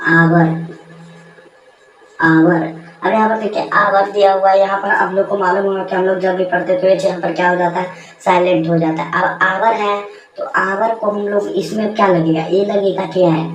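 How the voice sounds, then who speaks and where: A woman's voice: medium pitch, level tone, brisk, muffled recording, faint music behind. A woman teaching a grammar lesson at a board, repeating key terms and asking and answering her own questions. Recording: echoey room, mic far off, faint noise.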